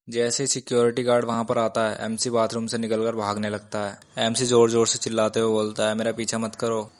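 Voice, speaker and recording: A man narrates a story from a script. His delivery is flat and steady, with very little rise and fall in pitch. His voice sits at a middle pitch. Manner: flat, even reading.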